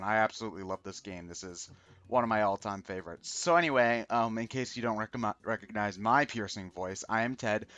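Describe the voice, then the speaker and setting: A man hosting a gaming stream with casual commentary, talking in a rambling, halting way and often correcting himself. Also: fairly low pitch, a bit bright, no echo, highs cut off. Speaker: host of a charity gaming stream. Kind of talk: casual video game commentary. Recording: game music behind the voice. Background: video game music.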